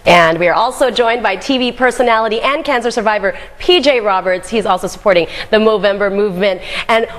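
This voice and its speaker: Brisk woman news anchor. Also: mid-range voice. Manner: brisk, chatty banter, crisp read. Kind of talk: morning news chat and newsreading.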